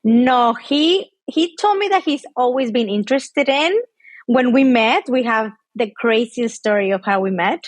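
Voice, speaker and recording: Speaking English as a guest on a podcast, a thirtysomething Mexican woman with Spanish as her mother tongue keeps things chatty, laughing and filling pauses often. Her voice sits a little high with lively intonation and a measured pace. There's no room sound at all.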